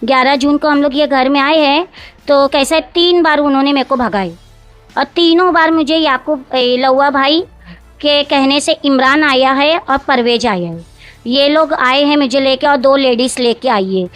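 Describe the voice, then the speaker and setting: A woman's voice: high-pitched, moderate pace, a bit bright, soft background music. A woman, recounting events at length in an interview, often repeating herself and quoting others word for word. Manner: long, rambling, repeats herself, quotes others directly.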